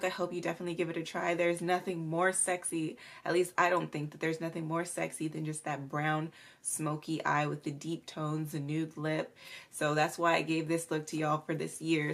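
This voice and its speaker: Nasal stuffy lady w a gravelly low voice, friendly chatty outro. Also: fairly bright tone. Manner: friendly, apologetic, chatty sign-off. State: stuffy from allergies. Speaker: makeup vlogger. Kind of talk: casual outro to camera.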